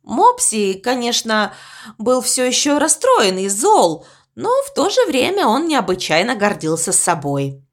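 A woman narrating a children's storybook in an expressive, melodic reading. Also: a little high, measured pace.

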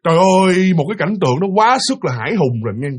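Fast-talking husky man. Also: high voice. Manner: lively, vivid, speaks directly to listeners. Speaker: storyteller. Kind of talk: casual spoken ghost story.

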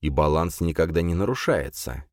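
A man's voice: extremely low pitch, animated, moderate pace, vocal fry, a little mellow, no room sound, clean studio sound, exaggerated voice. A man voicing an ancient, arrogant male demon lord who speaks in a haughty, commanding, scornful way. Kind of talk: audiobook character voice.

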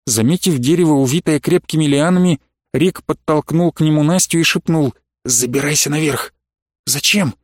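A man narrating an audiobook in a steady storytelling read. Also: a little high, fairly quick, no echo, clean studio sound. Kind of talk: scripted narration.

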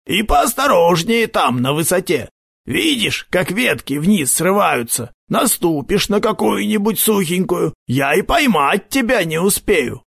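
Brief: a man playing a mocking storybook villain, high and gravelly, swinging wide in pitch. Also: very animated, unhurried, fairly bright tone, no echo, clean studio sound, exaggerated voice. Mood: wheedling. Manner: mocking, wheedling. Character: sly sugary-voiced adult male gang leader. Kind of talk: audiobook character voice.

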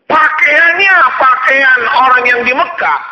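A male preacher, telling stories in an animated sermon and acting out their characters. The recording is dull and lo-fi. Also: very high voice, unhurried, reverberant, noisy background. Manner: animated, acts out the people in his stories. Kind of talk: sermon storytelling.

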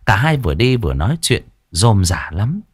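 A man narrating a scripted ghost story in a lively, expressive way. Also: fairly low pitch, moderate pace, husky, no room sound, studio quality.

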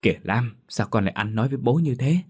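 A man's voice: mid-range voice, lively intonation, fast, a little mellow, husky, voice pushed up. A man voicing a poor, long-suffering mother who scolds and pleads in anguish.

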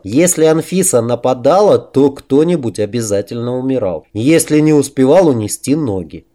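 A man narrating a novel aloud in a measured, even reading. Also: mid-range voice. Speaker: audiobook narrator. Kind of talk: scripted narration.

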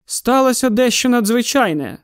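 A man's voice: extremely high pitch, normal speed, clear, resonant tone, dry recording, clean studio sound. A man reading as an agitated town constable. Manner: excited and exclaiming. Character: agitated middle-aged male town constable. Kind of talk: audiobook character reading.

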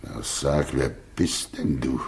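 An actor playing a proud, stern prince-bishop with a gravelly, commanding voice in a 1960 radio play. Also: male voice, extremely low pitch, slow pace, darkish tone, exaggerated voice. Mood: wondering. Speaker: Fürstbischof Firmian.

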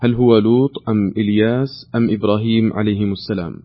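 A man's voice: on the low side, fairly even intonation, quick pace, phone-quality sound. A man hosting a call-in quiz, reading questions aloud and patiently repeating the options. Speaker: quiz show host.

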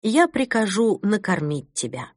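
A woman voicing an older male bishop who speaks in a quiet, insinuating, slow voice. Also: mid-range voice, sing-song, dry recording, clean studio sound. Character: soft-spoken sinister male bishop, older.

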